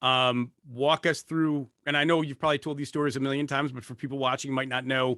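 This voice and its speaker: A man's voice: medium pitch, level tone, fast talker, a bit bright, no room sound, clean studio sound. A male podcast host asking long, rambling questions full of fillers. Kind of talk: interview questions.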